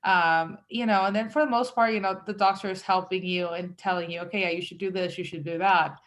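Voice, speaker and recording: A guest entrepreneur from El Salvador, a woman in her thirties, chats casually about her business in a conversational interview. Her voice is on the low side and fairly bright, with fairly even intonation and a slightly fast pace. She uses frequent fillers and quotes herself.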